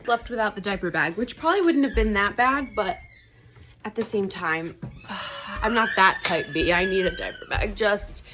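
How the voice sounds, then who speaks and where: A woman's voice: medium pitch, wildly swooping pitch, normal speed, a bit bright. A young adult woman and mom, talking casually to the camera in a rambling way, with lots of "like". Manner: chatty, rambling, heavy use of "like". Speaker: mom vlogger. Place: parked car. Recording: car and road noise behind.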